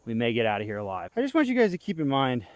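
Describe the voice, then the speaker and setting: A young man outdoors on a disc golf course, talking casually through his throws, excitable and often yelping at shots, winded and tired as he plays. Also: medium pitch, very fast. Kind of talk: casual play-by-play commentary.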